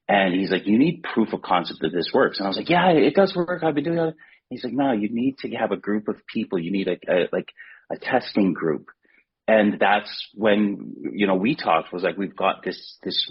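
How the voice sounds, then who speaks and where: Deep husky man telling long stories. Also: muffled recording. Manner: rambling storyteller, many restarts. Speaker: podcast guest. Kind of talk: casual chat.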